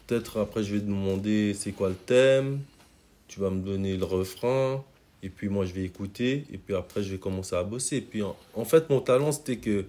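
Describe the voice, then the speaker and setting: Brisk and mellow, with a lowish voice, this Congolese rapper chats easily during a casual interview. He's relaxed and slangy, repeatedly throwing in "you see."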